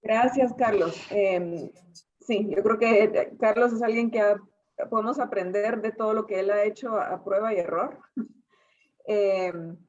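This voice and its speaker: A woman moderating an online session over a video call, relaxed with fillers. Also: medium pitch, a little slow. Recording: slightly dull video-call audio.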